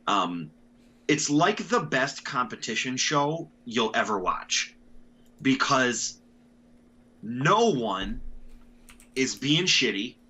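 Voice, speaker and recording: A man's voice: mid-range voice, pushed and bright. A man hosting a podcast, ranting casually and animatedly with lots of swearing. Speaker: podcast host. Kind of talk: casual chat.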